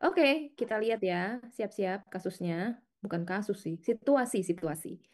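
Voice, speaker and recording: A middle-aged woman lecturer teaching an interactive class, lively and chatty, coaxing students to answer and laughing often. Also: mid-range voice, a little slow.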